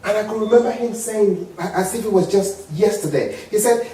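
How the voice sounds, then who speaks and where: A man in his forties with an African accent, giving a dramatic, emphatic motivational speech to an audience. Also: moderate pace. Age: 40s. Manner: dramatic, emphatic, swings from low murmurs to loud high exclamations. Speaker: public speaker. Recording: very echoey hall, mic far off.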